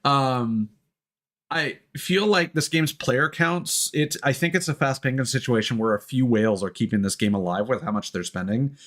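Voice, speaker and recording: This male game streamer keeps up a casual livestream chat as he plays, thinking out loud in a halting, rambling fashion. His medium-pitched voice has a fairly bright tone and moderate pace, with game music behind him.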